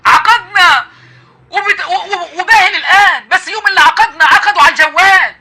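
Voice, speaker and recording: Fast, mocking Egyptian man hosting. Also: very high voice, pushed and bright. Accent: Egyptian Arabic. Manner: mocking, taunting, laughing at the caller. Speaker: live-stream host. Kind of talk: confrontational live call-in debate.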